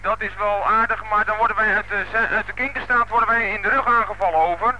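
A man's voice: sits high, fairly even intonation, quick pace. A man, a police unit commander, speaking over a walkie-talkie in clipped radio procedure, closing turns with "over". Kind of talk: two-way radio traffic. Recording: crackly archival radio transmission.

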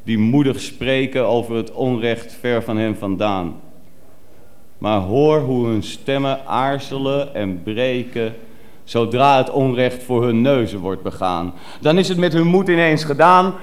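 A man reciting a poem in a declamatory, rhythmic way. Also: a little high. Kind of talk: poetry recital.

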